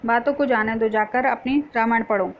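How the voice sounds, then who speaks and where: A woman's voice: on the high side, fairly even intonation, normal speed, natural voice. A woman reading the part of a stern elderly man who heads a family, scolding as she reads. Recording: dull lo-fi recording.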